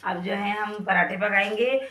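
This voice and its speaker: A woman's voice: medium pitch, fairly even intonation, moderate pace, bright, forceful tone, roomy sound, distant mic. A woman from Pakistan, chatting to viewers in a home vlog while she cooks in her kitchen at night. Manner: chatty, pious, talks to viewers while cooking. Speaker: vlogger. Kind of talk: casual home vlog narration.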